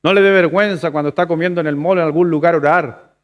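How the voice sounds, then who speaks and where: A Chilean man preaching a sermon with a slightly high voice. He talks to the congregation like a conversation, jumping to loud stressed phrases and falling to quiet asides. A low mains hum sits under the recording. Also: steady tone, fast, dull audio. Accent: Chilean Spanish. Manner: conversational preaching, swings between loud emphatic and soft asides. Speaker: pastor.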